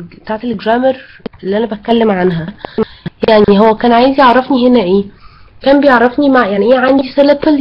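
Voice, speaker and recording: Fast-talking Egyptian woman teacher. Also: on the high side, lo-fi sound, a little hiss or hum. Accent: Egyptian Arabic. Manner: chatty, self-correcting, apologetic asides. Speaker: English teacher. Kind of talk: casual online class explanation.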